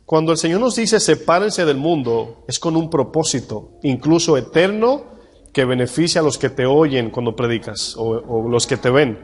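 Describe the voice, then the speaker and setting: Preaching pastor in a reverberant hall. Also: male voice, a little high. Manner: asks the congregation questions, reads scripture slowly. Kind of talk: sermon.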